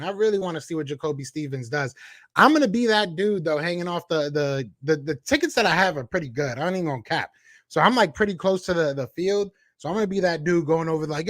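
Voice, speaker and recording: A man with a Philadelphia accent hosting a live sports podcast, reading out chat comments and trash-talking in a casual, animated way. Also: fairly high pitch, no room sound. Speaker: podcast host.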